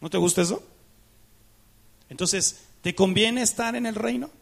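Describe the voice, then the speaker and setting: Male pastor, high-pitched, emphatic, questions the congregation. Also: unhurried, vocal fry, slightly rough. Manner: acts out dialogues with God in prayer. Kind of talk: sermon.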